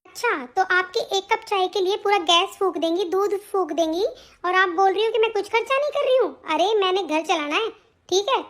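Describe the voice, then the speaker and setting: A woman's voice: very high-pitched, fairly quick, fairly bright tone. A woman playing a stingy, harsh young daughter-in-law who scolds and threatens her mother-in-law. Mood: scolding. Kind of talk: hobby family-drama acting.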